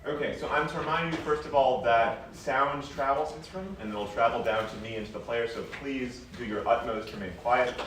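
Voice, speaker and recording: A man's voice: medium pitch, steady tone, slight background noise. Man moderating in an echoey hall. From Wisconsin. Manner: clear, deliberate, loud reading voice. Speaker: quiz moderator. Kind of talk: announcing rules to a room. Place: large echoing hall. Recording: echoey hall, far from mic, crowd murmur.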